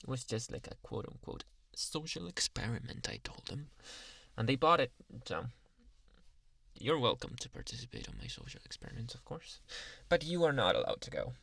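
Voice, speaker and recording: In an intimate ASMR roleplay, a man plays a young, obsessive, doting yandere Uber driver who is coaxing and smugly self-satisfied, speaking haltingly with soft whispered asides. His medium-pitched, gravelly voice swings hugely in pitch, the acting is heavy, and the recording is dry.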